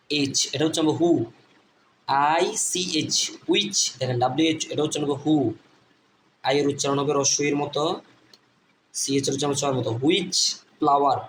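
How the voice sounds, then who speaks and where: A man teaching an English reading lesson in Bengali with a Bangladeshi accent, spelling out letters slowly and repeating each syllable. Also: medium pitch. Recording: echoey room with faint ambient noise.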